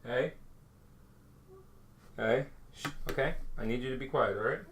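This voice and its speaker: A young man, a father, talking casually to camera at home, often rambling and restarting his sentences, and gently hushing with patient reassurances. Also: mid-range voice, measured pace, a little hiss or hum. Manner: rambling, self-correcting restarts. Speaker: father vlogging. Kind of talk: casual talking-head vlog. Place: at home indoors.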